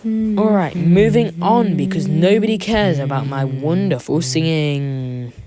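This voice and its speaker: A woman's voice: sits low, a little slow, a crowd in the background. A woman with a sore throat giving casual, chatty, joking commentary as she narrates her own drawing video. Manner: joking, self-deprecating asides.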